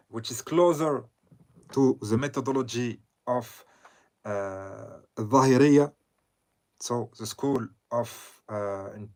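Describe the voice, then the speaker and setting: This is a man lecturing as an Islamic scholar at a very slow, deliberate pace. His voice sits at an ordinary middle pitch for a man. He talks haltingly, with frequent pauses and self-corrections. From southern Lebanon. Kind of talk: lecture commenting on a read text.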